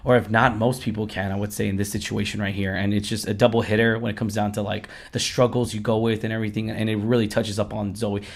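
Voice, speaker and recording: A man with a hoarse, worn-out voice hosting a casual film review chat, effusive and repeating himself. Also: on the low side, flat delivery, quick pace, few pauses. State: hoarse, lost his voice after singing at a concert. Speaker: host of a movie review show.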